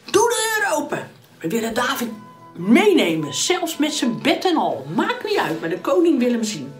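A woman putting on shouting, demanding soldiers. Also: sits high, huge pitch swings, normal speed, faint music behind, voice pushed up. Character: rough shouting soldiers, men.

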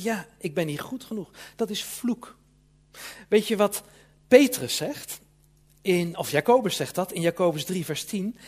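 Male preacher, fairly high and husky voice, earnest and emphatic sermon delivery.

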